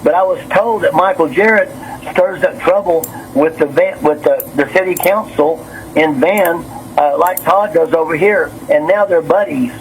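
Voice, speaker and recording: On the telephone, a fairly high-pitched man talks at normal speed, nervous and worked up. A city councilman who also owns a business, he rambles, says things twice, and fumbles his words, heard on a noisy recorded call.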